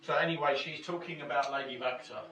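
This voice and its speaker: A man's voice: on the high side, fairly even intonation, quick pace, music in the background. A man chatting casually as a player in a tabletop game. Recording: echoey room, distant mic.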